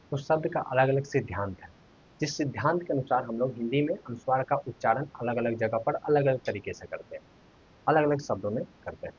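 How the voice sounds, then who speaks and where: A man with a mid-range, darkish, slightly rough voice gives an online Hindi grammar lesson, pronouncing letters individually. He asks his viewers questions before supplying the answers, and the recording sounds dull and lo-fi.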